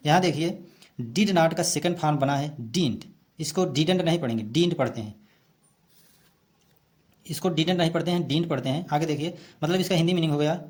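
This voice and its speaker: A man's voice: a little high, darkish tone. Hindi-speaking man teaching English grammar. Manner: explains slowly, repeats each phrase, reads English lines aloud then translates. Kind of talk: bilingual grammar lesson.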